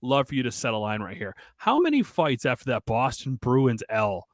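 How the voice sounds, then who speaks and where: A man's voice: mid-range voice, big pitch swings, moderate pace, no echo, clean studio sound. A man co-hosting a sports betting show, talking in loose, profane, laughing banter. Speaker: co-host. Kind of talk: casual sports betting chat.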